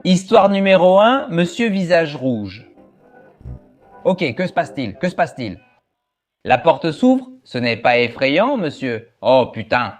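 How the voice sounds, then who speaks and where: A man's voice: fairly high pitch, big pitch swings, a little slow, soft background music. A man playing a horror game aloud as a gaming host, joking and voicing the game's characters. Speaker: gaming youtuber.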